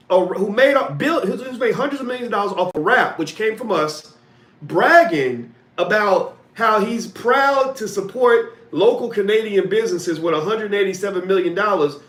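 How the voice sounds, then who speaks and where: A male host talks earnestly and conversationally while he interviews a guest over a video call. His voice sits somewhat high. The audio carries a roomy echo. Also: fairly bright tone. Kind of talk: interview questions and commentary.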